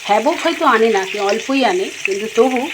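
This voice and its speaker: A woman's voice: a little high, animated, quick pace. A woman in her fifties, chatting homely and rambling as she cooks in her home kitchen, filmed on a phone camera. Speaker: cooking vlogger. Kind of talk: casual home vlog chat. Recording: home recording with frying noise.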